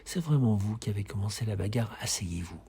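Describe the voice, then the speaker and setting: A man's voice: on the low side, lively intonation, a little fast, dark tone, slightly rough. A man confronting his psychoanalyst, talking in a mocking, sarcastic way. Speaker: patient confronting his analyst. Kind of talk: tense archival confrontation.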